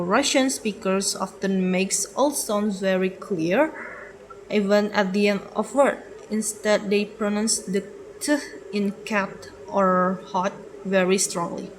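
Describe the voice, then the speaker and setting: A woman's voice: medium pitch, slight background noise, rough recording. A young woman giving a class presentation from slides, hesitant, with fillers and self-corrections. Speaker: student presenter.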